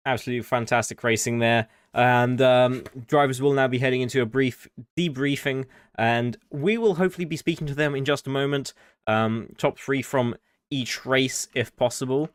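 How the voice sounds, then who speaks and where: A man co-hosting a race broadcast and interviewing drivers, hesitant with many pauses and restarts. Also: medium pitch, clean tone, no echo, studio quality. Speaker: co-host and interviewer.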